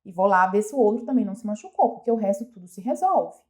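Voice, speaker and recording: A woman's voice: mid-range voice, animated, fast talker, darkish tone. A woman with a Brazilian Portuguese accent giving an earnest, reflective motivational talk, often asking herself questions aloud. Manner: earnest, asks herself many questions, frequent restarts. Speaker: self-help speaker.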